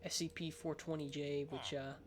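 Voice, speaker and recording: A man's voice: on the high side, little pitch movement, normal speed. Lisping man, noisy recording. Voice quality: lisp. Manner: hesitant, rambling, unsure. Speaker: gaming video host. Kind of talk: casual game showcase commentary.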